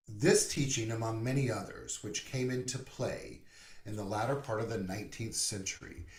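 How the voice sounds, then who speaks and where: A man speaking as a minister in a conversational sermon, playful and animated, acting out little asides. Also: medium pitch. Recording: roomy echo.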